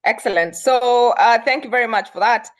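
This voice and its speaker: Brisk woman hosting an online talk. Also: a little high. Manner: brisk, with fillers and restarts. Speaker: host. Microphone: video call.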